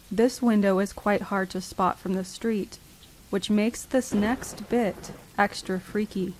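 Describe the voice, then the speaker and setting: A woman's voice: mid-range voice, darkish tone, slight background noise, rough recording. A woman reading first-person scary stories as a scripted narration. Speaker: horror story narrator.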